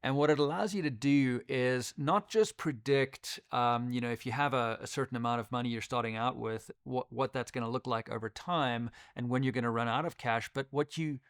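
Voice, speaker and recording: A man and company co-founder giving business advice in a relaxed, conversational way, with fillers and restarts. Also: mid-range voice, normal speed, few pauses, clear, resonant tone, dry recording, clean studio sound. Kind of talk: casual talk to camera.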